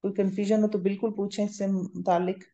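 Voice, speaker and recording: A woman's voice: mid-range voice, little pitch movement, fast talker, warm tone. A woman teaching grammar in a class. She explains step by step, patiently, and often checks that her students understand. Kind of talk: classroom lecture. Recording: roomy, slightly muffled lo-fi recording.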